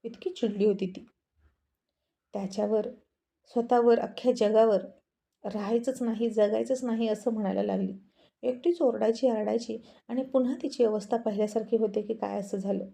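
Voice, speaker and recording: Brief: a woman storyteller with a gravelly voice and a somewhat high pitch, narrating emphatically. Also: fairly even intonation, normal speed, dark tone.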